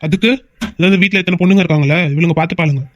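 A man's voice: fairly high pitch, very fast, no room sound, dull audio, natural voice. A man voicing a bossy young man in a cartoon who scolds his friend. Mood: scolding. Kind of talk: cartoon voice acting.

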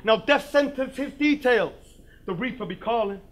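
A man performing a rhymed rap battle verse at a live venue, firing brash insults. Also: very high voice. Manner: brash, rhymed insults delivered fast and loud. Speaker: battle rapper.

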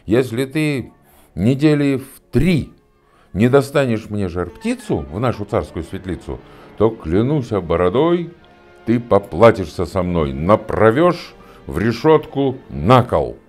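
A man's voice: fairly low pitch, sing-song, measured pace, faint music behind. A man doing a blustering, bearded old tsar. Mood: furious. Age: 60s. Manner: shouting, bullying.

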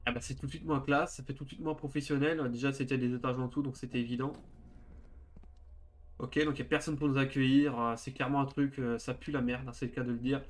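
A man's voice: mid-range voice, flat delivery, fast talker. A young man streaming a horror game, reacting in informal, slangy, joking commentary. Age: young adult.

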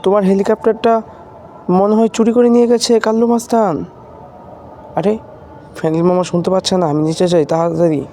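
A man voicing Shinchan, an excitable little boy who keeps calling out loudly during a mobile game roleplay. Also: high-pitched, brisk, long pauses, a little hiss or hum. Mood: alarmed, shouting. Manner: calls out loudly and repeatedly.

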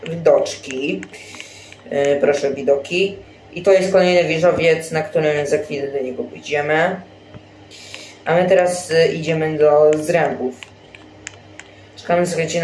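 A man's voice: on the high side, darkish tone, slight background noise. Rambling young man narrating gameplay, roomy sound. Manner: chatty, rambling, many fillers and restarts. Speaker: gaming channel host. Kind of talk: casual gameplay commentary. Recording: roomy echo, faint game music behind.

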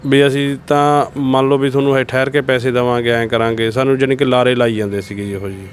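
A man speaking outdoors in a steady, plainspoken way, repeating his points. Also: mid-range voice, quick pace, a little hiss or hum. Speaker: deported laborer.

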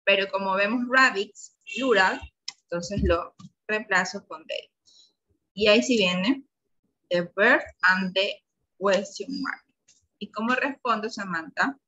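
Patient Ecuadorian woman teacher, bright voice. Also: mid-range voice, slow pace, long pauses, lo-fi sound. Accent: Ecuadorian Spanish. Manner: patient, coaxing questions to pupils. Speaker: primary school English teacher. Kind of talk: online class lesson.

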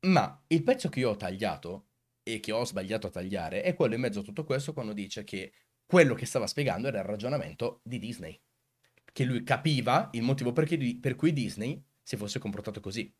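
Male commentary host, medium-pitched voice, emphatic delivery full of rhetorical questions to the audience. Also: lively intonation, a little fast. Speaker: video host. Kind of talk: commentary answering comments on recorded clips.

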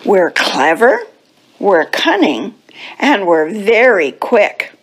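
A woman voicing a brisk grown-up female cat schoolteacher in a children's story, with a cheery, sing-song teacher's voice. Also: medium pitch, big pitch swings, breathy edge, full character voice.

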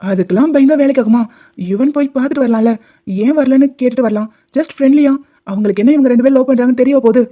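A woman's voice: high-pitched, very fast. Woman voicing a bold man egging others on. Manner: egging on, confident. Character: bold older man, urging courage. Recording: dull lo-fi audio.

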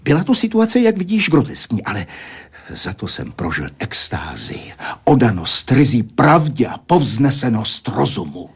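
A man playing a husky pleading physicist. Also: medium pitch, big pitch swings, hardly any pauses, exaggerated voice. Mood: reminiscing. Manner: pleading then philosophizing, drops to whispers. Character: older male physicist, pleading, lecturing. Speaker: actor in radio drama. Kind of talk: Czech radio play acting.

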